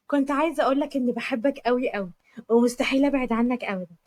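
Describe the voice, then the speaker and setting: A woman's voice: sits high, rapid-fire, a little mellow, no echo, studio quality. A woman with an Egyptian accent voicing a proud, unforgiving young wife in a spoken story. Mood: teasing. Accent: Egyptian Arabic.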